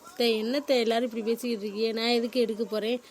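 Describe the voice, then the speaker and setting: A woman's voice: fairly high pitch, fairly even intonation, rapid-fire, slight background noise, lightly acted. A woman voicing a young daughter-in-law in a comedy cartoon, protesting and defensive.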